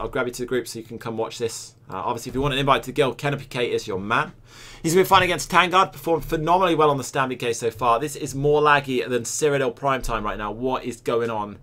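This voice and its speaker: A man's voice: mid-range voice, bright, forceful tone. A young Scottish man streaming and commentating a game tournament, joking, swearing and chatting to his viewers.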